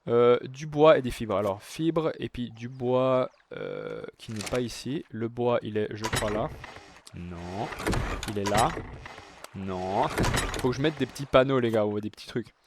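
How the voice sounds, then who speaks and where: A young gaming YouTuber gives loose let's-play commentary in an animated, mid-range voice at a slightly slow pace. He's chatty, loads his speech with fillers, and keeps speaking to viewers as "les gars," all over a noisy background.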